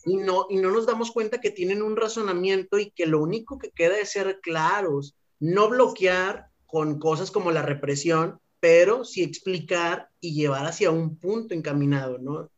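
A man, a teacher hosting a podcast, speaking reflectively and haltingly with restarts. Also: sits high. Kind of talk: casual conversation. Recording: dull lo-fi audio.

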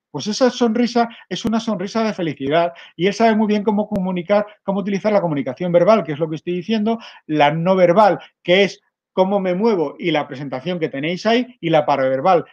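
Spanish guy giving an online talk, lively and direct, slightly muffled webcam sound. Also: sits high. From Spain. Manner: energetic, direct, addresses audience as "mirad". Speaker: conference speaker.

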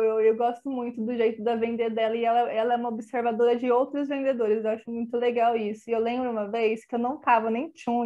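A woman's voice: a little high, highs cut off. Chatty Brazilian woman podcast co-host. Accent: Brazilian Portuguese. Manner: chatty, many fillers and repeats. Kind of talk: casual podcast chat.

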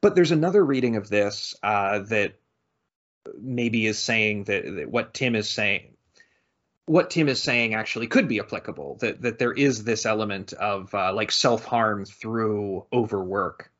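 A man's voice: fairly low pitch, expressive, measured pace, fairly bright tone. A man co-hosting a casual podcast discussion, thoughtful and hesitant, often restarting his sentences. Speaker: podcast co-host. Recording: dull lo-fi audio.

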